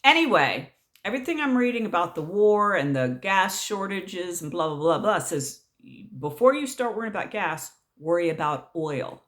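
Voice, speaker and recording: A middle-aged woman telling a story straight to her channel in a loose, ranting way. She sounds exasperated and sarcastic, with animated swings in her delivery. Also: fairly low pitch, moderate pace. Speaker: vlogger. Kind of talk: casual storytelling rant.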